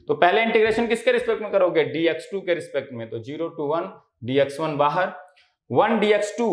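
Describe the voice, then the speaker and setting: A man teaching an exam-prep lecture in a high, lifted voice. He fires off quiz questions and answers them himself, checking again and again that students follow. The sound is roomy and echoey. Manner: keeps checking understanding with tag questions.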